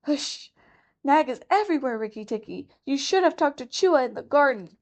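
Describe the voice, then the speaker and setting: A tiny, broken-hearted muskrat , as a woman reading aloud puts him on, pleads in a high, squeaky, whimpering voice. He sounds frightened and sorrowful, as if he might weep at any moment. This is a storybook figure read aloud. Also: expressive, brisk. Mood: fearful whisper. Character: timid weepy little male muskrat.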